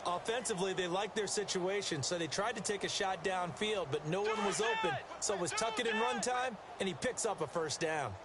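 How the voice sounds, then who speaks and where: A man's voice: sits high, a little fast, hardly any pauses, close to an everyday voice. A man giving colloquial, explanatory football commentary as a color analyst. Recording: loud stadium noise behind the voice.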